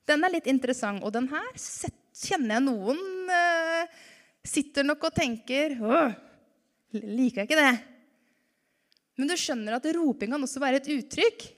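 A woman preaching a lively sermon to her congregation, full of rhetorical questions. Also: high-pitched. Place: church hall. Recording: reverberant church hall.

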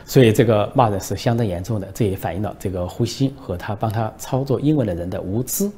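A man's voice: on the low side, fast, warm tone, breathy edge. A man from China hosting a political commentary show, explaining at length and telling jokes as anecdotes. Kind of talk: commentary livestream.

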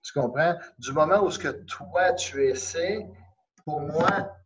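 A man with a Québécois French accent, a karate instructor chatting as an interview guest in a warm, encouraging way and slipping in English phrases. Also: a little high, slow pace, lo-fi sound. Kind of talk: casual interview chat.

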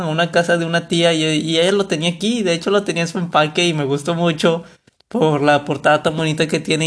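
Young mexican guy chatting about a book, kinda high voice, keeps correcting himself. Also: a bit bright. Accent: Mexican Spanish. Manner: rambling, self-correcting, colloquial. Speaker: vlogger reviewing a book. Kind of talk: casual talk to camera.

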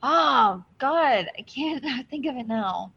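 A woman's voice: sits high, expressive, slow, gravelly, bright, forceful tone, husky, muffled recording. A woman guessing movie quotes in a casual chat, giggling and swearing casually. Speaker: quiz game player.

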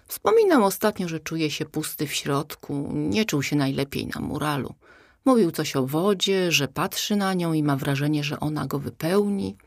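A woman's voice: sits low, animated, moderate pace, creaky, no room sound, clean studio sound, heavily acted. A woman voicing a fretful male horse statue in a children's audiobook, speaking hesitantly. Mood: worried. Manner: hesitant, troubled.

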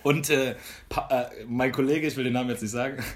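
A man's voice: mid-range voice, steady tone, a little fast. A man, co-hosting a casual chat and telling rambling, slangy stories with many restarts. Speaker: podcast co-host.

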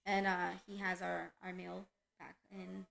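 A woman in casual chat, telling lively stories about her dogs and acting out their voices. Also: on the low side, a little slow, creaky, rough recording. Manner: animated storyteller, acts out her dog's voice. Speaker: dog breeder.

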